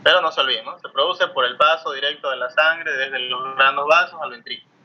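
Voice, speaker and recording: This brisk teacher has a voice on the high side and explains his lesson one step at a time, regularly quizzing students and leaning on the tag "¿no?". It was recorded through a muffled, lo-fi mic with slight background noise.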